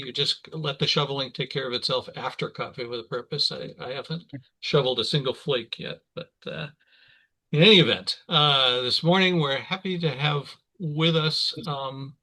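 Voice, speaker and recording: A man's voice: mid-range voice, pushed and bright, low-quality recording. A man hosting and convening a community discussion group, speaking in a genial, hesitant way with many fillers. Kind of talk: casual meeting facilitation.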